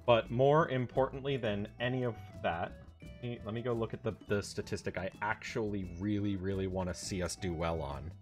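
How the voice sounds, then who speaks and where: A man with a low voice leads his group through a game on a live stream. He talks casually and at length, piling up fillers and the occasional swear word. Faint game music plays under his voice. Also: steady tone, moderate pace. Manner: rambling explanations with many fillers and mild swearing. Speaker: streamer, raid leader. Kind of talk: casual voice chat while gaming.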